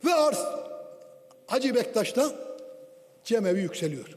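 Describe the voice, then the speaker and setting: High-voiced man at a lectern microphone. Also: very animated, unhurried. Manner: declamatory, with rhetorical questions. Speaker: member of parliament. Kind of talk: formal political speech. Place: large parliament chamber. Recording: long hall reverb.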